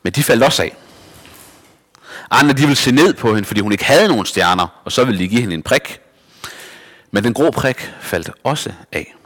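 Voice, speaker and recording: A man reading a children's story aloud in a lively, expressive way. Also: mid-range voice, pauses often, in a large hall.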